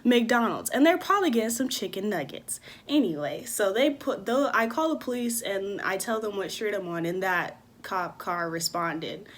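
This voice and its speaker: A young woman in her twenties tells a casual storytime to her phone camera. She talks in an animated way, slipping into the voices of the people in her story. Her pitch sits in an ordinary middle range for a woman. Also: normal speed, hardly any pauses. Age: 20s. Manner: animated, acts out quoted people. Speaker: vlogger.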